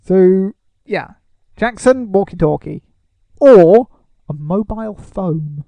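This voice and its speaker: Male podcast co-host, gravelly, teasing, dry studio sound. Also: sits high, expressive, slow, no room sound, muffled recording. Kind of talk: casual comedic chat.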